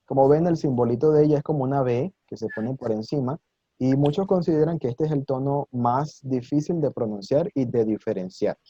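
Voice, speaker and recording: A man teaches an online Mandarin lesson in Spanish, patiently explaining and demonstrating tones with exaggerated intonation while encouraging his students. His voice is medium-pitched, a little fast, and mellow with a breathy edge. The recording is dry and dull.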